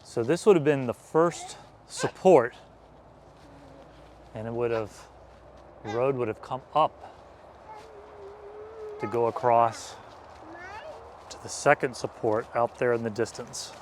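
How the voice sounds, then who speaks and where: A man hosting an on-location vlog, explaining things casually as a guide outdoors on a trail, with a steady drone of traffic. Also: mid-range voice, takes it slowly, pauses often. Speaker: vlog host and explorer guide.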